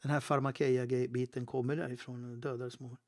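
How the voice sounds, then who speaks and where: A male pastor preaching a livestream sermon, swinging between loud fervent appeals and hushed, halting asides. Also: medium pitch, little pitch movement, no echo, studio quality. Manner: halting, with restarts and fillers.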